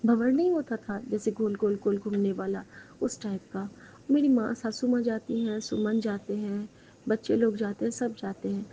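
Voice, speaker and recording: A woman's voice: on the high side, creaky, warm tone. A woman earnestly retelling a dream to her congregation as a devotional testimony, speaking to her listeners directly. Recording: dull lo-fi recording with faint noise.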